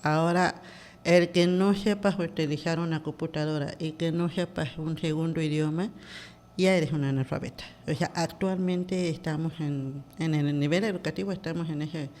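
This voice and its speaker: A woman's voice: low-pitched, steady tone, moderate pace, darkish tone, a little hiss or hum. A woman, talking as a podcast guest in a hesitant way, full of fillers and restarts. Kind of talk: casual interview talk.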